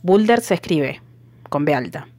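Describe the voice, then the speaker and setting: An Argentine woman co-hosting a podcast in casual chat, retelling things in a joking, animated way. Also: sits low, normal speed, no echo. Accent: Argentine Spanish. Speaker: podcast co-host.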